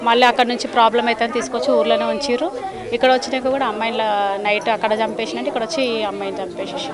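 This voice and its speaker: A woman's voice: fairly high pitch, steady tone, a loud crowd. A woman with a Telangana Telugu accent, recounting a family's story matter-of-factly to a news camera outdoors. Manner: rapid, matter-of-fact recounting. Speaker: relative interviewed. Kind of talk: news interview.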